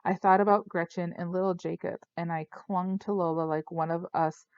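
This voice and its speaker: Low-voiced woman reading an audiobook. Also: moderate pace, clear, resonant tone, no echo. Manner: steady, storytelling. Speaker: audiobook narrator. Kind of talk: first-person audiobook narration. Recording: dull lo-fi dry recording.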